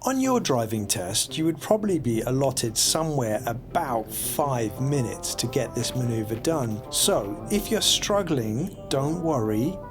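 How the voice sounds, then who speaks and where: A man narrating a mock driving test as an instructor, in an explanatory, evaluative voice-over. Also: mid-range voice. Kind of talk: scripted voice-over commentary. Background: music under the voice.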